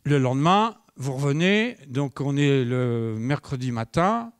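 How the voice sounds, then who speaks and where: A middle-aged man giving a live conference talk as a trainer, lively, acting out short dialogues and putting questions to the audience. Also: medium pitch, unhurried, clean tone, no room sound, clean studio sound. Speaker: nonviolent communication trainer. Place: conference room.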